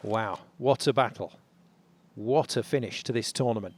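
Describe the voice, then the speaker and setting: A man commentating on tournament golf, building drama in short, measured phrases. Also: medium pitch, slight background noise.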